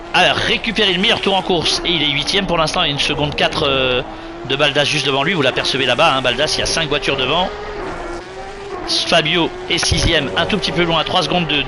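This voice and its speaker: Male race commentator, slightly high pitch, running motorsport play-by-play with standings recaps, car noise clearly behind. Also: brisk. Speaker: motorsport commentator for an online sim racing league. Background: racing car sounds.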